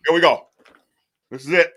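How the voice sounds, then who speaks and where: A man hosting a casual live stream, chatty and excitable, laughing often and swearing casually. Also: a little high, normal speed, noisy background. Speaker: podcast host on a live stream.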